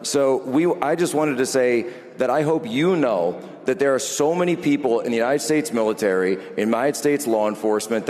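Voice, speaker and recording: A man in his thirties with a mid-range, slightly mellow voice conducts an interview on a large conference hall stage before a live audience. He is earnest and rambling, often correcting himself, and a long hall reverb trails his words.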